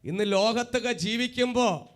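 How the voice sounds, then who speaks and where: High-voiced fervent male preacher. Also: normal speed. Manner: fervent, swings between loud cries and hushed asides. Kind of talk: sermon.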